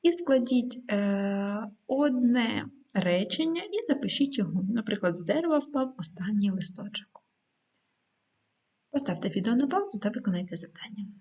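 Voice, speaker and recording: A woman teacher giving a video lesson to schoolchildren, dictating words slowly and clearly with the odd hesitant filler. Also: medium pitch, lively intonation, a little mellow. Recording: dull lo-fi recording.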